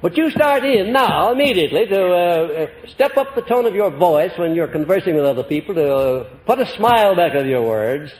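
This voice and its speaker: A man giving a motivational lecture to a live audience, folksy and emphatic, deliberately swinging his voice up and down. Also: high-pitched, sing-song, big-room sound, poor audio. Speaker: motivational speaker.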